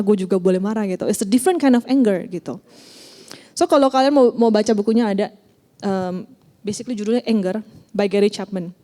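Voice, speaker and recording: A woman giving a casual talk to a group, mixing English phrases into slangy speech full of fillers. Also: on the high side. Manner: animated when acting out examples. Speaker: church youth leader giving a talk.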